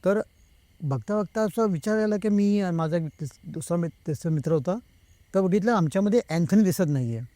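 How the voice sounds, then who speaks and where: Male guest storyteller, slightly high voice, mellow timbre, close dry recording. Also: a little fast, no room sound. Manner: retells the talk of others himself, slipping between Marathi and Hindi. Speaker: guest telling a true ghost story. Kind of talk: casual storytelling.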